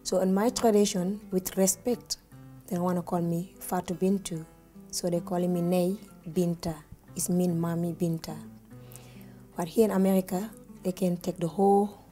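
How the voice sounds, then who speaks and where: A woman's voice: lowish voice, steady tone, moderate pace, mellow, faint music behind. A woman from Senegal with a Senegalese accent, answering interview questions in plain, simple English as a non-native speaker. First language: Wolof or other Senegalese language. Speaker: guest. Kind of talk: casual interview.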